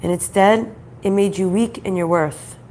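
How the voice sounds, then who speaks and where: A woman with a groggy, croaky voice from a troubled throat, doing a conversational card reading in halting, repeated phrases and questions. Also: medium pitch, warm tone, a little hiss or hum. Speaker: spiritual card reader, host.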